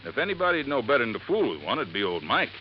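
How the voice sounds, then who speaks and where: An actor in a 1950s radio drama races through his lines as a folksy middle-aged handyman at a desert resort, using a mid-range voice close to everyday speech with big pitch swings. His rambling, plainspoken drawl feels earnest and folksy. The recording is old and muffled, with faint hiss.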